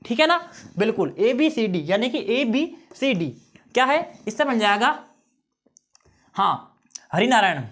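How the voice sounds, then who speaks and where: High, lively male teacher. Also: a little slow, pauses often. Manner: keeps checking in with students, repeating phrases. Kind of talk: exam-prep lesson teaching memory tricks.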